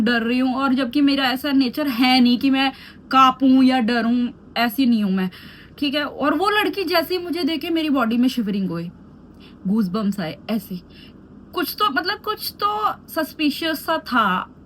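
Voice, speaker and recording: A young woman with a high, light voice tells a story for her vlog, animated and chatty. She moves freely between Hindi and English. A faint hum of room ambience sits behind her. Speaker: beauty vlogger. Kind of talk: storytime vlog while doing skincare.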